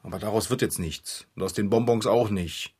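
Kindly bike repairman in clown costume, husky, lively tone, earnest and sulky, kids' audio play. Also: a little high, normal speed, heavily acted. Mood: glum. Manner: earnest and easily put out, sulky. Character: good-natured bicycle repairman dressed as a clown. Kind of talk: children's audio drama.

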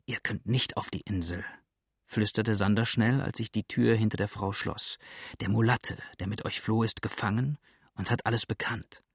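A man voicing a wary outlaw in an audiobook, speaking in a hushed, urgent way. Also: fairly low pitch, steady tone, moderate pace, husky, dry recording, studio quality. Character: grim, wary adult male outlaw. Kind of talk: audiobook reading.

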